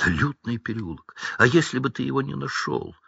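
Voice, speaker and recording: A man's voice: medium pitch, animated, normal speed, creaky, pushed and bright, husky, dry recording, highs cut off, pitched above the performer's own voice, exaggerated voice. A man voicing a fussing, anxious middle-aged wizard mother.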